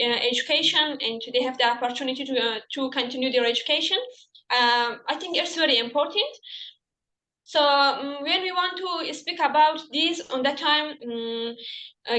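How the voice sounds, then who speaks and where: A young woman from Afghanistan, speaking, gives a halting webinar talk and searches for her words. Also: high-pitched, bright, forceful tone. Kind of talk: prepared talk. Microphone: video call. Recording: echoey room over a video call.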